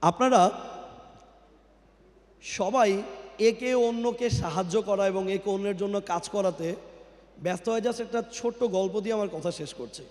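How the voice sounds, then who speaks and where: Male motivational speaker, high voice, crowd-quizzing, cathedral-like echo on a hall PA. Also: unhurried, long pauses, darkish tone. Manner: quizzes the crowd, mixes English into his talk. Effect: cathedral-like echo from a large hall. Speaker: guest speaker at a company event. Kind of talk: motivational speech to an audience. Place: large indoor event hall. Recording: long hall reverb on a PA microphone.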